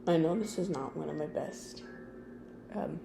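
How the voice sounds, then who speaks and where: Soft, gravelly young woman reading a story. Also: low voice, a little slow, over music. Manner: soft-spoken, rambling when talking off script. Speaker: story reader. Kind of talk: fan fiction reading. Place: friend's office.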